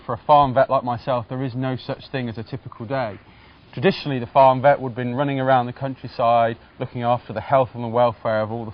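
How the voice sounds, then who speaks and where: A man, a farm veterinarian giving measured, formal explanations in an interview. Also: medium pitch, highs cut off. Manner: measured, formal veterinarian explaining carefully in plain professional terms.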